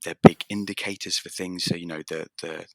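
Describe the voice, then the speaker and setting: A man's voice: sits low, steady tone, fairly quick, darkish tone, dry recording, studio quality. A man talking as a podcast guest about making his game, rambling and self-deprecating with lots of restarts. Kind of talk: casual conversation.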